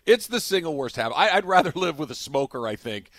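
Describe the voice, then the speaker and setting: A man's voice: on the high side, sing-song, fast, a bit bright, no echo, clean studio sound. A man hosting sports radio, switching between casual, teasing chat and radio contest promo reads.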